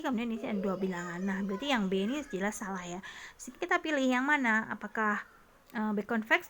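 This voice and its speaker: A woman's voice: fairly high pitch, fairly bright tone. A woman tutor walking patiently and methodically through vocabulary quiz answers, often adding tag questions. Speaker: test prep tutor.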